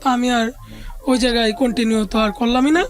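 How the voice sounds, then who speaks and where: With music underneath, a woman with a Bangladeshi accent speaks briskly in a slightly high, steady voice. As a guest in an interview, she narrates something from her own life in casual spoken Bengali, dropping in English business words now and then.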